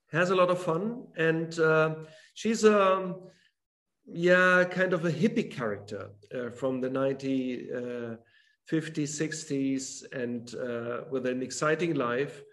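Chatting casually as an author guest, a German man speaks on a video call via webcam, a large drawing on the wall of his home room. His fairly high voice has a slightly bright edge, and he hesitates a lot, restarting sentences and using fillers.

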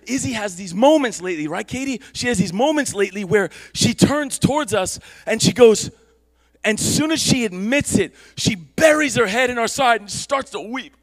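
High-voiced male pastor preaching passionately. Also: lively intonation, moderate pace. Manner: impassioned preaching that builds to shouts. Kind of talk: sermon. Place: church service.

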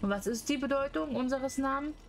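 High-voiced cute anime-style woman streamer. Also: brisk, a little hiss or hum. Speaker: VTuber streamer. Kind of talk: casual game streaming commentary.

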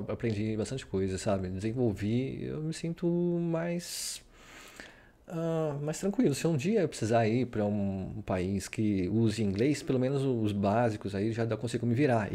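A man's voice: mid-range voice, warm tone. A man from Brazil talking casually about his study routine while sharing his screen, rambling and tagging "né?" onto many sentences. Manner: rambling, full of "né?" tags. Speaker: vlogger. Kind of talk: casual screen-share talk.

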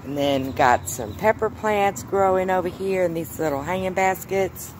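A mother leads a garden tour through her backyard vegetable plot, phone camera in hand, patiently drawing out her small child with simple questions in this casual home video. She speaks at a normal speed in a lowish voice, with background noise audible.

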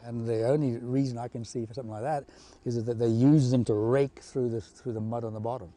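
A man explaining field findings off the cuff, halting and repeating his words as he goes. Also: medium pitch, fairly even intonation, warm tone. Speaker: field scientist interviewee. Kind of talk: unscripted explanation to camera.

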